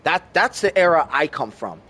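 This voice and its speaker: Addressing his chat as bro and cursing without restraint, this thirtysomething man talks casually during a game stream. His voice sits on the high side, sing-song and bright, with a forceful tone, a breathy edge and a moderate pace.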